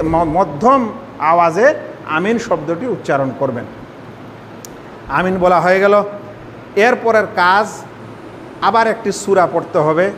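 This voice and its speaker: A man with a high voice teaches prayer step by step in a sermon-style lesson. He puts rhetorical questions to the congregation as he explains. His voice carries a long hall reverb over a faint low rumble. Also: a bit bright. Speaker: Islamic scholar teaching prayer.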